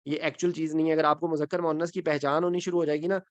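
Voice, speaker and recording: The audio is dull but echo-free as a man with a voice on the high side and little pitch movement teaches online grammar. A Quran and Arabic grammar teacher, he explains step by step, checks in with his students throughout, and mixes English phrases into Urdu.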